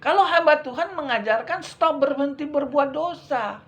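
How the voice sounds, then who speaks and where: A male evangelist preaching a sermon, repeating his points and swinging from loud, urgent lines to hushed ones, speaking straight to his listeners. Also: very high-pitched, moderate pace. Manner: addresses listeners directly as brethren.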